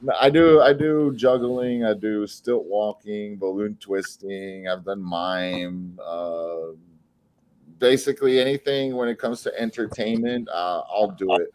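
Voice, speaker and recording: Costa Rican man, low-voiced, rambling. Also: measured pace. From Costa Rica. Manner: relaxed, rambling with restarts and laughs. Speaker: guest, flow artist and saber maker. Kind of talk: casual podcast interview.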